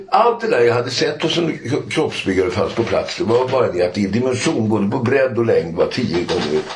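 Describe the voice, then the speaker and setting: Older male guest: deep, animated storyteller, chatty, peppers stories with fillers and tag questions. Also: slight background noise. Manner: animated anecdotes with frequent "eh" and "va?" tags. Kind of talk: casual storytelling.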